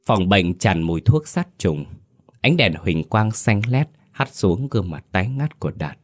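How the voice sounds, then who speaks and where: A man's voice: on the low side, sing-song, a little slow. A man narrating a horror story in a suspenseful, dramatic way.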